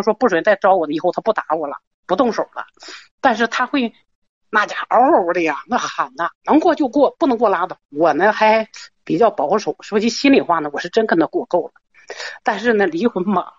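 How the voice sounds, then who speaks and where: A woman's voice: mid-range voice, no echo. Middle-aged lady calling in, rambly and nervous, muffled lo-fi sound. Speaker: caller. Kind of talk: call-in advice talk.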